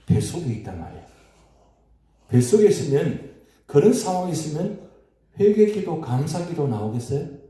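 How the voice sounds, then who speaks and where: Pastor guy preaching, asks the crowd questions, dark mellow voice, big echoey church. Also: mid-range voice. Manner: asks the congregation rhetorical questions. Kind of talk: dawn sermon. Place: church sanctuary.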